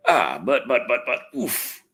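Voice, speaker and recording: With very lively pitch swings, this American male host from Texas rambles through a casual livestream, answering viewers and thinking aloud. He reviews videos, swears casually and runs himself down, speaking at a measured pace in a husky voice.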